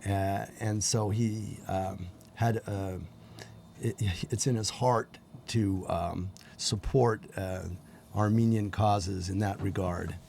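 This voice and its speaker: A middle-aged man as a guest on a TV interview, speaking haltingly with many pauses and fillers. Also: on the low side, fairly even intonation, gravelly, a little mellow, slight background noise. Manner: halting, many ums and uhs. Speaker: guest from a community organization.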